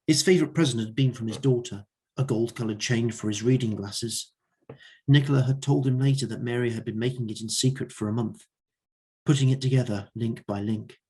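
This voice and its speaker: Husky man reading his own story. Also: mid-range voice, darkish tone. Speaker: open mic reader.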